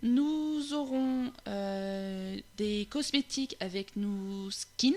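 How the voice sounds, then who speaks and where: A woman guest on a local radio interview, chatty and quick to laugh, with hesitant fillers as she explains her association's events. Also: medium pitch.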